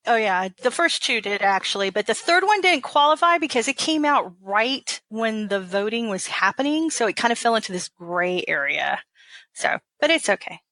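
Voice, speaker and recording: A woman's voice: on the high side, moderate pace, no room sound. A woman author with a Texas twang, talking casually as an interview guest and often breaking into laughter. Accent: Texan. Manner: chatty, laughs often, animated.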